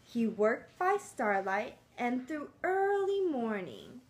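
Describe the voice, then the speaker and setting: A woman's voice: fairly high pitch, very animated, slow pace. A woman reading a picture book aloud to young children, coaxing them along with simple questions. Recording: clearly noisy room.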